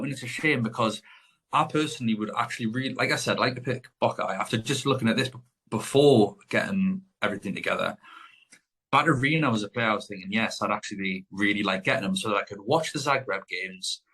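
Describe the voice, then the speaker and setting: A man's voice: fairly low pitch, fast talker, a bit bright, breathy edge. A man co-hosting a podcast, chatting casually and rambling as he corrects himself mid-sentence. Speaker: podcast co-host. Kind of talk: casual chat.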